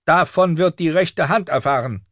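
A man's voice: on the high side, lively intonation, measured pace, dry recording, clean studio sound, pitched above the performer's own voice. A man voicing a strict older governess who scolds and commands in an audiobook. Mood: furious.

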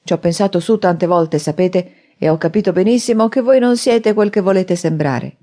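A woman narrator voicing a drunken, furious man who shouts and threatens. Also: fairly low pitch, natural voice. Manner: loud, shouting, blustering.

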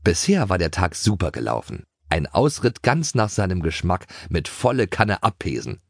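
A man narrating a children's audiobook in a playful, expressive way. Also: low-pitched, moderate pace, gravelly, dry recording, studio quality.

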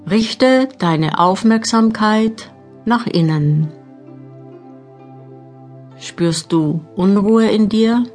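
A woman narrating a guided meditation audiobook, giving measured instructions with long pauses. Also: medium pitch, darkish tone. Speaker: mental training narrator. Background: new-age music.

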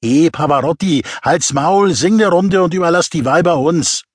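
A man's voice: fairly high pitch, moderate pace, husky, dry recording, studio quality, pitched above the performer's own voice. A man voicing a rude young male student who taunts and insults another student. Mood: taunting.

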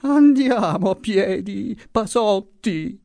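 A man's voice: high-pitched, lively intonation, slow, vocal fry, warm tone, no room sound, voice pushed up, heavily acted. A man putting on a feeble, quavering old woman. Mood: pleading. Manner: plaintive, moaning pleas. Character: frail elderly woman, timid and fearful. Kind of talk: audiobook character voice.

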